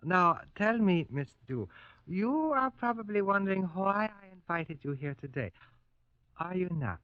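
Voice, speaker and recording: An actor playing a polite, arrogant colonel in a grave 1940s radio war drama, speaking formally and condescendingly. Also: male voice, sits high, lively intonation, unhurried, no room sound. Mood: courteous. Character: suave, arrogant Japanese colonel, polite captor. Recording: muffled old 1940s radio recording.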